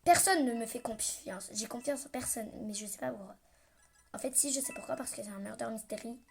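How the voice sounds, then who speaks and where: A woman's voice: a little high, a little fast, creaky, faint music behind. A young woman chatting over her gameplay as a vlogger, complaining dramatically and often dropping into a mutter. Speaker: gaming vlogger. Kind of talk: casual gameplay commentary.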